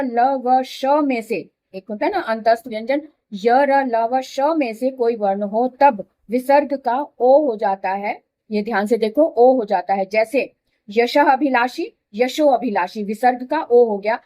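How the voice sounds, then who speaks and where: A woman's voice: high-pitched, darkish tone. A woman teaching Hindi grammar, explaining each rule step by step, repeating examples and checking that students follow. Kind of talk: classroom explanation.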